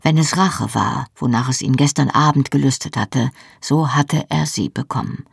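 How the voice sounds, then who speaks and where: Woman reading a novel in first person, gravelly voice, dry close sound. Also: very deep voice, normal speed, no echo. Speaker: audiobook narrator.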